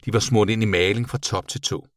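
A man reading a children's storybook aloud with an expressive delivery. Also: fairly low pitch, no room sound, clean studio sound. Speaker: narrator.

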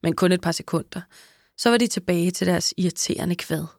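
A woman's voice: fairly low pitch, gravelly, no room sound, clean studio sound. Woman narrating a children's story. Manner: lively, expressive storytelling. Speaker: audiobook narrator. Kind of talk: scripted narration.

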